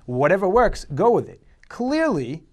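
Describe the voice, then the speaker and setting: A man co-hosting a casual sports chat, dry and wry, quick to push back on his partner. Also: sits high, wildly swooping pitch, a little mellow. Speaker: sports talk co-host.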